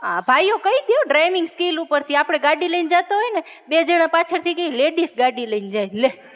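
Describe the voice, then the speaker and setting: A woman's voice: very high voice, expressive, fairly quick. A woman comedian, telling chatty stand-up jokes and acting out the dialogue of the people in them. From Gujarat, India. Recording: long hall reverb.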